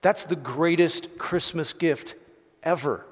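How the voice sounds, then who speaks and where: A man's voice: fairly high pitch, takes it slowly. A man delivers an impassioned sermon in a slightly raised voice, talking to the congregation in a loose, conversational way. The sound carries a long reverb from a church hall. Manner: impassioned, conversational preaching with restarts and "like". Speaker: pastor.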